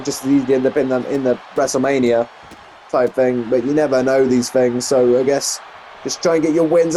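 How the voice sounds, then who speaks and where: A man's voice: on the high side, mellow, slight background noise. A young English man casually commentating a wrestling video game, rambling and correcting himself with frequent exclamations. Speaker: gameplay commentator.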